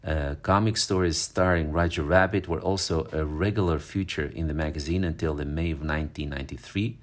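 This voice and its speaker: A vlogger from Morocco fondly flips through an old magazine in a casual show-and-tell video, rambling with fillers and restarts. His voice is extremely low and brisk.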